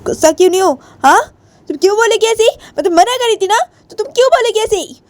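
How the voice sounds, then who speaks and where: A woman voicing an angry young woman who scolds in a shrill, raised voice and refuses to talk. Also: sing-song, very fast, vocal fry, dark tone.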